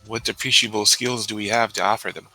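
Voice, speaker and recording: A man's voice: lowish voice, little pitch movement, fast, bright, forceful tone, low-quality recording. A man playing a tabletop game, questioning the group and planning aloud. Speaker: player. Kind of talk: casual in-game talk. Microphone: home mic on a voice call.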